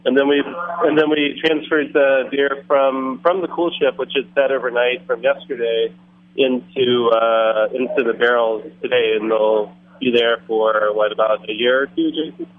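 A male caller comes through a phone speaker on a muffled, narrow line. He talks in a relaxed, chatty way, dotted with fillers, from a noisy bar. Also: mid-range voice, moderate pace, dry recording. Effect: phone call played over a speaker. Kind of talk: casual chat.

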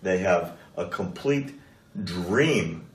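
A man working as an interviewer, putting probing political questions and summing up deliberately in fragments. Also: low-pitched, expressive, crowd noise. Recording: echoey room, distant mic.

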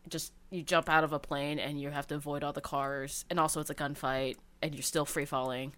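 A woman with a notably low voice talks casually about her favorite video games. She rambles, stacking fillers and restarting sentences as she goes. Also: little pitch movement, a little fast, a bit bright. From Cantonese family background.

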